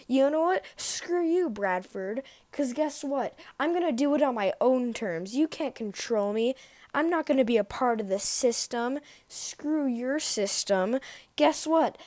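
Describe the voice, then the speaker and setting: Goofy sarcastic woman vlogger, high voice. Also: a little mellow, dry recording. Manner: goofy, sarcastic, mock-defiant storytelling. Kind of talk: comedic rambling vlog.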